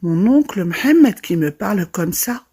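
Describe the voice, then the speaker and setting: A young woman narrating a first-person horror storytime, with a dramatic and lively delivery. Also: mid-range voice, a little slow, slightly rough. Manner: dramatic, lively retelling with quoted voices.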